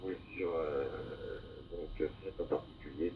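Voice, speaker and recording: With a very deep voice and fairly even intonation, a man speaks unhurriedly over the air on ham radio. He hesitates often with fillers and spells call signs phonetically. The sound, from a handheld mic decoded by a receiver, is tinny narrowband digital with faint hiss.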